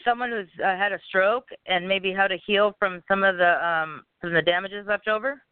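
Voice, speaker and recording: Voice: mid-range voice, fairly even intonation, moderate pace, clear, resonant tone, no room sound. A caller on a breaking-up phone line with noise behind them, speaking in a hesitant, polite way. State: barely audible with background noise. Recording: tinny dry phone line.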